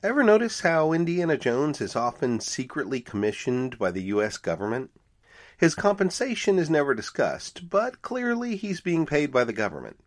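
His voice sits a little high and moves at a normal speed. The middle-aged archaeologist hosts his own podcast, spinning stories in an animated, conversational way punctuated by wry remarks.

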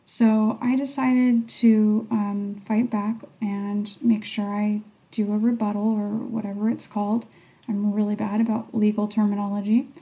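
Candid woman with a gravelly, mellow voice. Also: mid-range voice, level tone, unhurried. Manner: candid, thoughtful, trails into soft near-whispers. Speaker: podcast host. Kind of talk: reflective personal monologue.

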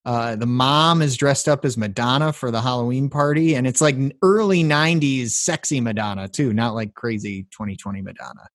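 A man's voice: mid-range voice, fairly quick, few pauses, a bit bright, no echo, studio quality. A man co-hosting a podcast, playfully recapping a film in casual chat. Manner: playful, recaps plot with jokes. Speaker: podcast co-host. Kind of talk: casual movie-review chat.

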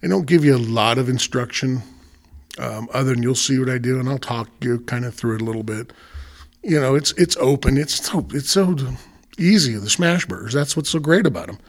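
Middle-aged male podcast host, mid-pitched, folksy and conversational, walking listeners through cooking in plain words. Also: lively intonation, fairly quick. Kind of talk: casual cooking talk, step-by-step explaining.

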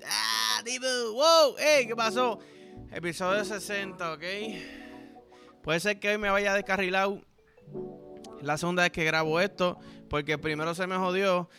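A young Puerto Rican man hosting a casual solo podcast, rambling crude jokes with sudden loud bursts. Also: high voice, fairly even intonation, normal speed, gravelly, soft background music. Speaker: podcast host.

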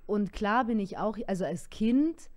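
At a measured pace and medium pitch, a forty-something woman from the Allgäu in southern Germany, with a light local accent, co-hosts a relaxed podcast. She spins stories in a lively, chatty way, laughing frequently.

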